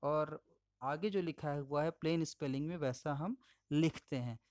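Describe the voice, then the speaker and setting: Man, middle-aged, teacher, slightly high voice, explanatory, dry close recording. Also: unhurried, darkish tone, dry recording. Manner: explanatory, addresses viewers as friends, frequent checking asides. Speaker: language teacher. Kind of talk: spoken lesson.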